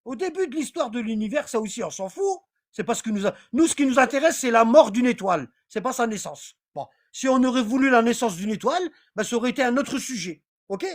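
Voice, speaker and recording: Fast and animated with hardly any pauses, this medium-pitched voice is a religious teacher in an informal online class who reads aloud from a text and then comments. The teaching is repetitive and rambling, often pausing only to ask if listeners follow.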